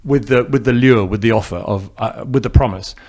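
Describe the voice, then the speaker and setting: A New Zealand film director with an English accent answers interview questions reflectively, thinking aloud and restarting sentences. His voice is lowish, a little mellow, and fairly quick.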